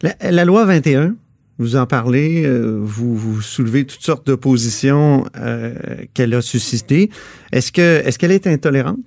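A man's voice: mid-range voice, animated, moderate pace, vocal fry, a little mellow, dry recording. A man with a Quebec French accent hosting a radio interview, asking probing questions and cutting in. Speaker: radio host.

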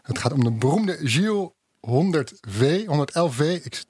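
A man's voice: fairly high pitch, lively intonation, normal speed, a little mellow, slight background noise. A man co-hosting a studio podcast, chatting in an easygoing, opinionated way. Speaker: podcast co-host. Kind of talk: casual podcast chat.

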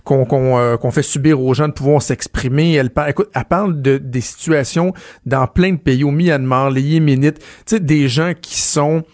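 A man's voice: medium pitch, normal speed, darkish tone, dry recording, studio quality. A man with a Québécois accent hosting a casual debate, speaking with wry remarks and hesitant, stammering starts. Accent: Québécois French. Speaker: host. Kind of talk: casual talk show debate.

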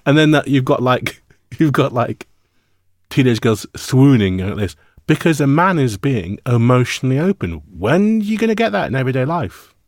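A man's voice: mid-range voice, normal speed, dry recording, clean studio sound. A man in his fifties, a musician guest in an interview, talking reflectively and at length with fillers. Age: 50s. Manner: reflective, animated, rambling with fillers. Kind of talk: interview conversation.

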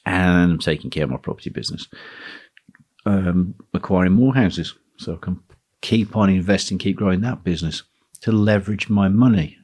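A man hosting a solo talk on running a teaching business, speaking in a relaxed, musing way. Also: sits low, moderate pace. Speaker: podcast host, guitar teacher.

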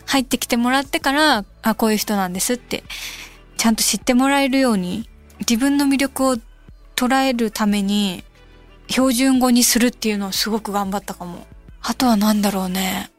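A young adult woman from Kansai hosting a radio show, reading listener mail and musing aloud in a relaxed, casual way. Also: a little high, normal speed. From Kansai, Japan. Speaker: radio host. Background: soft background music.

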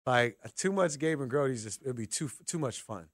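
A brisk, medium-pitched male voice belongs to a sports radio host telling casual, animated stories in a radio studio, complete with acted-out dialogue. The recording is dry and studio quality.

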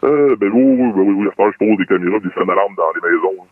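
A man in his thirties with a Quebec French accent and an electronically lowered, disguised voice, haltingly telling his story as an anonymous caller. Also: dry recording. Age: 30s. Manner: hesitant, plain storytelling with many fillers. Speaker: anonymous caller confessing a secret. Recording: tinny phone-like line, dry.

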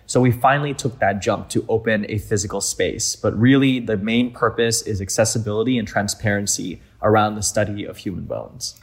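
A young man from Thailand speaks in a fairly low voice, answering interview questions. He explains things earnestly and often pauses on small fillers as he goes. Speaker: museum founder, guest.

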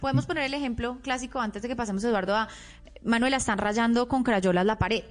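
A woman's voice: fairly high pitch, fast talker, soft background music. A woman parenting expert explaining in a teaching manner, acting out example phrases a parent might say. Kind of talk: explanatory podcast talk.

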